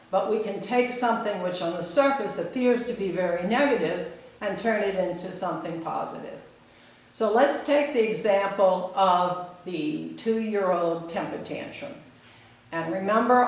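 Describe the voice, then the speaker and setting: A woman psychologist giving a calm, measured educational talk, explaining her points step by step. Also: medium pitch. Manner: measured, explanatory, acts out quoted scolding adults. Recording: very echoey room.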